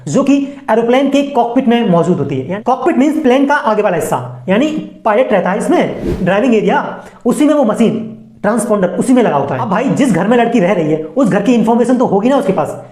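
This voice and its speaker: With a higher voice, darkish tone, lively intonation and a fairly quick pace, an Indian-accented woman narrates an explainer video. She speaks to viewers directly in a chatty, colloquial manner with playful asides, her voice-over roomy and echoing.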